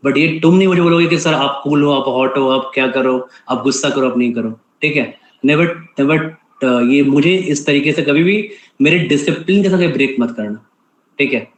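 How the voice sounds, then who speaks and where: A man's voice: mid-range voice, normal speed. A man teaching an online class, giving a stern scolding lecture with an Indian English accent and repeatedly checking "ठीक है?". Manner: stern, repeats "ठीक है?" and switches often between Hindi and English. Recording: echoey room.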